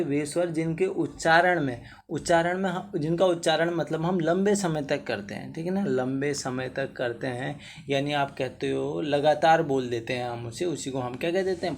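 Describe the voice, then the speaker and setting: A man's voice: a little high, gravelly. A male Hindi teacher giving an exam-prep grammar lesson, keeps asking "theek hai na" and stretching vowels out to show how long they last. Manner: addresses students as bhaiya, repeats "theek hai na"; drawls vowels to demonstrate length.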